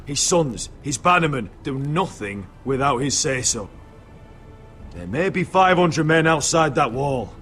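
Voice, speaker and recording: A man's voice: a little high, animated, unhurried, fairly bright tone, soft background music. An actor playing a defiant, resolute young nobleman in a dramatic video game, earnest and intense. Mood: fierce resolve.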